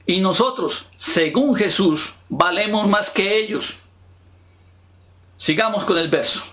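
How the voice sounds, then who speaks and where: A male pastor delivers a sermon in a notably high voice. He speaks slowly and deliberately, leaning on rhetorical questions to the congregation. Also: a bit bright. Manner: slow, emphatic preaching with rhetorical questions to the congregation.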